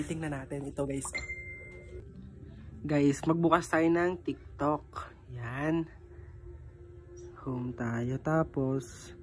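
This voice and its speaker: Playful woman vlogger. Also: lowish voice. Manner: playful, teasing, coaxing. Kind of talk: casual vlog.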